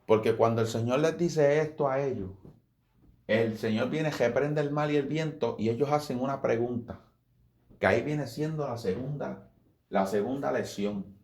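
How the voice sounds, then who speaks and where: A man's voice: medium pitch, moderate pace, darkish tone, reverberant. A man giving an informal sermon, talking conversationally, repeating phrases and calling his listeners brother. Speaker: preacher.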